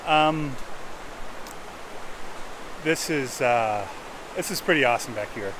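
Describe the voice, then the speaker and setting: A man talking casually and conversationally in an easygoing outdoor vlog, recorded near rushing creek water. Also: mid-range voice, lively intonation, background noise. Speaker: vlogger. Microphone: camera on a tripod, fairly close.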